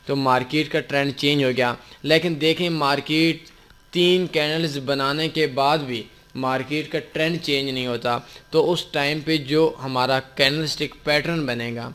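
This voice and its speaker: A man's voice: mid-range voice, fairly bright tone, clean tone. Man explaining charts patiently. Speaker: forex trading instructor. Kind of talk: screen-recorded tutorial explanation.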